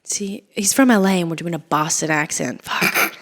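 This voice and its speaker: A woman's voice: on the low side, normal speed, fairly bright tone, big-room sound. A woman co-hosting a podcast, chatting casually and poking fun at her own acting. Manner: laughing, self-mocking. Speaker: podcast co-host. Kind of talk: casual chat.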